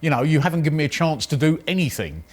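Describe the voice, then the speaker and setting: A man's voice: fairly high pitch, very animated, very fast. A man with an English accent recounting his own experience in anecdotal first-person storytelling. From England. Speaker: contestant recounting a speed-talking contest.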